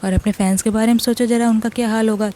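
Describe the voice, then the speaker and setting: A woman's voice: fairly high pitch, steady tone, fast talker, mellow, natural voice. A woman voicing a bossy young woman who scolds and threatens. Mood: arguing.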